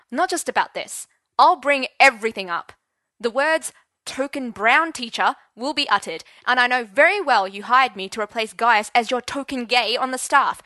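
Young male teacher, read by a woman: blunt, defiant, fairly high and bright. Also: no room sound. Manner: heated, indignant and blunt. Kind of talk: audiobook character voice.

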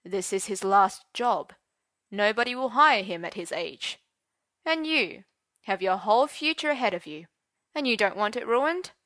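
Cold older headmaster, voiced by a woman: slow, softly threatening, tense. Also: mid-range voice, lively intonation, no room sound. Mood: softly menacing. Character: menacing older male headmaster, cold and controlling. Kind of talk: audiobook character voice.

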